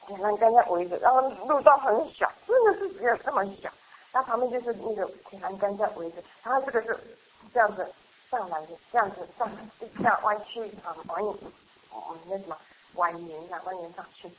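A woman's voice: medium pitch, animated, slight background noise, rough recording. Chatty middle-aged woman telling a story. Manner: chatty, halting, laughs often, many restarts. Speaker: church member giving a testimony. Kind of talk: casual spoken testimony.

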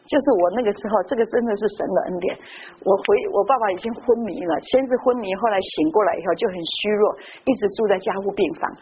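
A woman's voice: mid-range voice, fast, husky. A middle-aged woman from Taiwan, preaching a sermon full of personal stories and tagging her phrases with little "ha"s. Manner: lively, tags phrases with "ha". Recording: dull lo-fi with faint hiss.

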